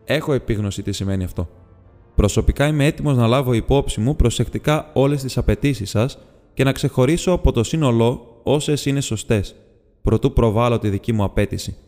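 A man with a medium-pitched, warm voice reads an audiobook part lightly acted: a polite, businesslike male hobbit burglar who speaks courteously, precisely and a bit formally. The recording carries long reverb and faint music.

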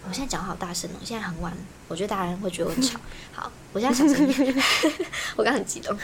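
A young woman, chatting on a podcast in an animated, ranting way and laughing often. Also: mid-range voice, racing, a little hiss or hum. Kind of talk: casual chat.

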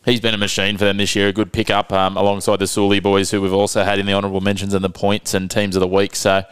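Fast, deep, smooth Australian man. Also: monotone, no room sound, studio quality. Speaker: rugby league podcast co-host. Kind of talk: casual sports commentary chat.

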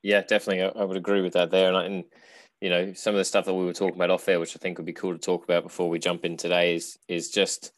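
A very low-voiced man hosts a relaxed podcast chat. He talks things through at length and in a thoughtful way. The sound is close and dry, with no room around it. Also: very fast, dry recording. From Australia. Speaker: podcast host. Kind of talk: casual podcast conversation.

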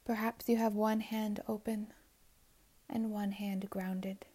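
Guiding a meditation, a woman speaks in a mid-range voice with little pitch movement, calm and unhurried. She lingers in long pauses and lets phrases close softly and breathily.

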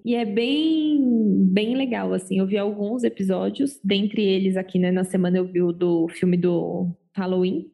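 Brazilian woman, soft mellow voice, mid pitch, just casually chatting. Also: creaky. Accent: Brazilian Portuguese. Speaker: podcast production crew member. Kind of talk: casual chat.

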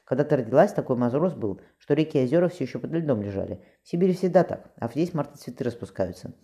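A woman's voice: a bass voice, animated, fast talker, mellow. A man voicing a caring middle-aged mother who also acts as a midwife, firm and soothing. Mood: tender.

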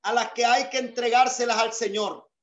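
A male pastor preaching a sermon over a video call, emphatic and swelling into shouts. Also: very high-pitched, fairly even intonation, normal speed.

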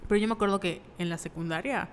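A woman with a Mexican accent chatting casually, telling animated stories and acting out the voices in them. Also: mid-range voice, quick pace, in a large hall, a little hiss or hum. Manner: animated storyteller, acts out quotes, laughs often. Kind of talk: casual chat.

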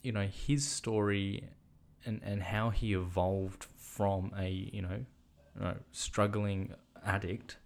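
Podcast host: Australian man, lowish pitch, casual, meandering, stop-start delivery. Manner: rambling, halting, informal. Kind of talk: casual podcast introduction and interview.

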